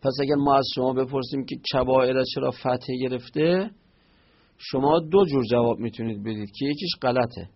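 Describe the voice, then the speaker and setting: A man teaches a grammar lesson with a gravelly, husky voice. He builds each point slowly, asking questions and then answering them himself. The recording sounds dull and lo-fi. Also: medium pitch. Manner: explains step by step, poses and answers questions. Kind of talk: Arabic grammar lesson on Quranic verses.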